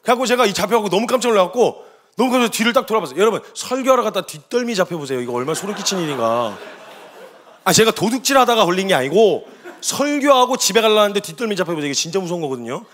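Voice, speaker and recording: A man preaching as a missionary, telling a story with lively delivery and sudden shouted quotes. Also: high-pitched, racing. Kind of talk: sermon testimony.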